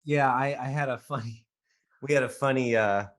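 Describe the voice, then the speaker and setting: Halting man telling a podcast story. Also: medium pitch, fairly even intonation. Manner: halting, restarts often, laughs easily. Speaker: podcast co-host. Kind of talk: casual podcast chat, storytelling.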